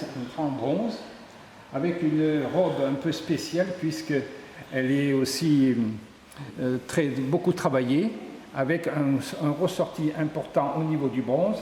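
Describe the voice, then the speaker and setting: A slightly high voice with a darkish tone comes from a middle-aged man from Ardèche, southern France. Interviewed indoors in a tourist office's exhibition room, he explains his sculpting work, and the recording has a reverberant, echoey hall sound with faint background noise.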